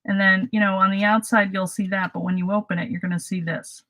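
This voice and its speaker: A woman's voice: medium pitch, flat delivery, quick pace, fairly bright tone, poor audio. A middle-aged woman hosting a casual live craft demonstration, chatty and self-deprecating, laughing at her own slips. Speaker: craft host.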